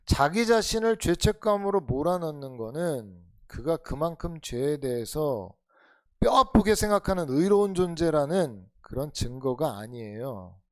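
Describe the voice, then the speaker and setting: A man's voice: fairly high pitch, big pitch swings, measured pace, no room sound. A male pastor preaching an expository sermon in earnest, urging tones, full of rhetorical questions. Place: church sanctuary.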